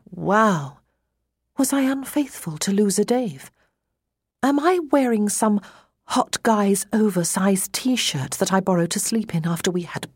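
A woman playing a hungover, groggy young woman, self-mocking and bewildered, groaning and breathy in first-person audiobook narration. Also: medium pitch, a little mellow, no echo, studio quality. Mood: bewildered, alarmed.

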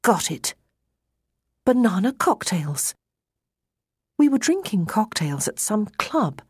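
A woman playing a hungover, groggy young woman, self-mocking and bewildered, groaning and breathy in first-person audiobook narration. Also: mid-range voice, sing-song, takes it slowly, dry recording, clean studio sound, exaggerated voice. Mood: groggy, straining.

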